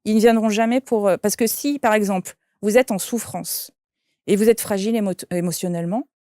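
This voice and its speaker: A woman's voice: mid-range voice, steady tone, fairly quick, warm tone, no echo, clean studio sound. A woman, a shaman and medium, telling an anecdote in an interview and quoting the people in it. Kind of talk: interview storytelling.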